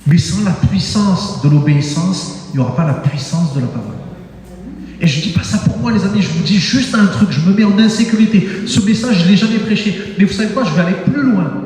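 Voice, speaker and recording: A man preaching a sermon in a church, animated and emphatic, often exclaiming and breaking into laughter. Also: high voice, fairly quick. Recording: very echoey church hall with long reverb.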